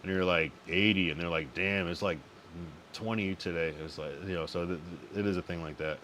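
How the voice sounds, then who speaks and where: There's a little hiss or hum behind this low, fairly bright male voice, which holds a steady tone and runs a little fast. He's a young guy from Connecticut and Massachusetts casually rambling on a late-night live stream, easygoing and foul-mouthed, frequently repeating himself.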